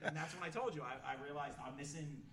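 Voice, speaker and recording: Laid-back New podcast host. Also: male voice, on the high side, fast, a bit bright, a little hiss or hum. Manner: loose, laughing, rambling delivery. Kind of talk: casual podcast banter and sponsor reads.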